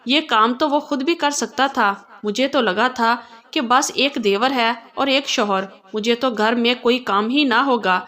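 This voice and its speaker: A woman narrating a first-person story in a steady, expressive storytelling manner. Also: fairly high pitch.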